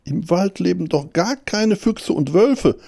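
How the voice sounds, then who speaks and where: A man's voice: lively intonation, a little slow, creaky, warm tone, full character voice. A man reading a storybook, voicing a small, frightened male hare who insists on what he wishes were true. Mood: anxious denial. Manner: high anxious self-reassuring squeaks.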